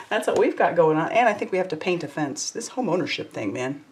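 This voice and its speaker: Woman, lower pitch, chatty, effusive, craft livestream host. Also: very animated, normal speed. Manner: chatty, reads out viewer comments, warm and effusive. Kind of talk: casual live chat while crafting.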